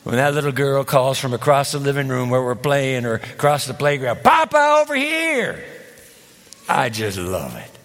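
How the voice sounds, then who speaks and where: An older man preaching a sermon, moving between loud emphatic phrases and hushed, whispered pleas. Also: medium pitch, moderate pace, few pauses, in a large hall. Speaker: pastor.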